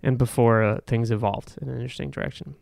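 A man co-hosting a podcast, talking in a loose, rambling way that often restarts mid-sentence. His voice has a gravelly edge and sits in a middle pitch. The sound is dry and close. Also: fairly even intonation, fast talker, a little mellow, no echo. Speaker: podcast co-host. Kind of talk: casual chat.

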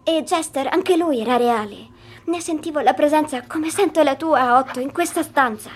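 A calm, hushed young girl recounts her dream in a high, light voice, as voiced by a woman. Faint ambient sound hums behind her in this audio drama. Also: normal speed, a little hiss or hum, natural voice. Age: child figure.

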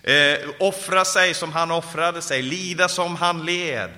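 Fervent preacher in a reverberant hall. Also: male voice, steady tone, sharp tone. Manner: fervent, rising to calls and dropping low in prayer. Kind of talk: sermon ending in prayer. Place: conference hall. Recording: live sermon in a reverberant hall.

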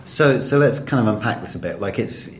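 A man's voice: on the low side, expressive, fairly quick, slight background noise. A man hosting a casual interview podcast, chatty, often restarting and repeating words. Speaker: podcast host.

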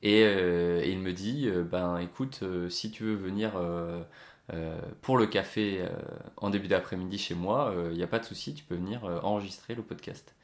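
Man, podcast host, very low voice, halting speech full of fillers. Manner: hesitant, many filler sounds. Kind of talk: casual storytelling and interviewing.

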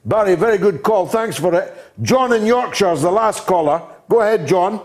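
A man's voice: high-pitched, lively intonation, normal speed. A man hosting a radio phone-in, blunt and emphatic, trading quips with callers. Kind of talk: opinionated talk radio.

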